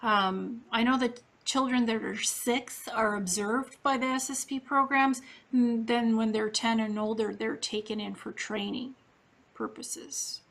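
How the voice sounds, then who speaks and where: A woman's voice: on the high side, steady tone, measured pace, creaky, fairly bright tone. A woman from Ukraine interviewing a guest in a casual, earnest, matter-of-fact way.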